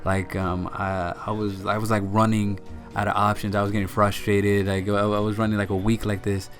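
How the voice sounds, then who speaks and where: A young man with a fairly low voice tells a story to his viewers in a loose, rambling way. He restarts his sentences and keeps repeating "like". Quiet music plays faintly behind him. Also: flat delivery, moderate pace. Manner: rambling, repeats words, lots of likes and fillers. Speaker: channel host. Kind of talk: casual vlog storytelling.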